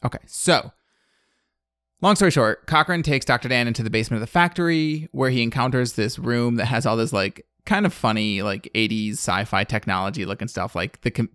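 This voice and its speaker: A man's voice: medium pitch, brisk, a bit bright, clean tone, no room sound, studio quality. A man in his thirties hosting a podcast, recapping a film in casual chat, blunt and sarcastic, with plenty of fillers. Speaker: podcast host.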